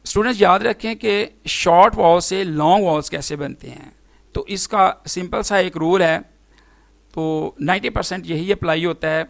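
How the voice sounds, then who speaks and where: A man teaching an English phonics lesson to students, spelling words out letter by letter and then pronouncing them slowly and formally. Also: sits high, gravelly, dry recording. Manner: formal, addresses students directly.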